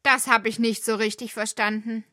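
A woman's voice: fairly high pitch, flat delivery, moderate pace, bright, forceful tone, dry recording, clean studio sound. A woman voicing a talkative, curious young worm child in a children's audio drama.

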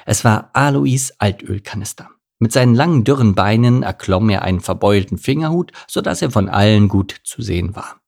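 A man's voice: lowish voice, animated, normal speed, creaky, a little mellow. A man narrating a children's story in a playful way, speaking directly to his listeners. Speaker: audiobook narrator.

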